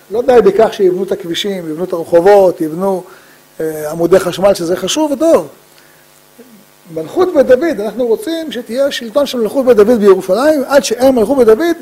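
A man's voice: sits high, mellow, slightly rough, low-quality recording. A man giving a religious lesson as a rabbi, asking rhetorical questions and answering them himself, repeating key phrases for emphasis, with frequent "uh" fillers.

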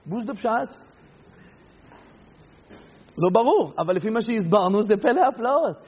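High-voiced animated male preacher, reverberant hall. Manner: animated, acts out the people in his stories. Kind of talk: sermon with storytelling. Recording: dull recording with long hall reverb.

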